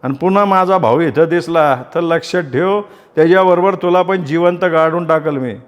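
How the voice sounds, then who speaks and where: A man's voice: on the high side, moderate pace, big-room sound, voice pushed up, close to an everyday voice. A man playing a spiteful village bully spitting threats. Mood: threatening. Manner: taunting, threatening, coarse village speech. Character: drunken rural bully man, spiteful and boastful.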